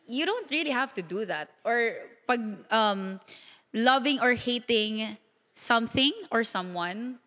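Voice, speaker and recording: Filipino woman, podcast co-host, animated and bright, echoey room. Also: on the high side, slow. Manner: animated, laughs often, mixes languages. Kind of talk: casual chat.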